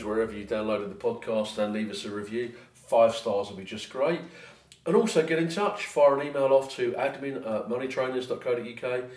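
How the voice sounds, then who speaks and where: A British man hosting a podcast, giving advice in a casual, informal and halting conversational monologue. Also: medium pitch. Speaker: host of a personal finance podcast. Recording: roomy, echoing sound.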